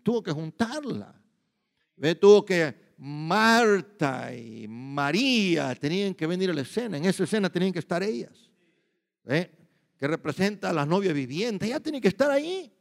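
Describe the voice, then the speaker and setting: A man's voice: high voice, sing-song, normal speed, creaky. A man preaching a sermon in emphatic bursts, often repeating himself and checking with listeners. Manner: emphatic, shifts between loud and quiet. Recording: long hall reverb.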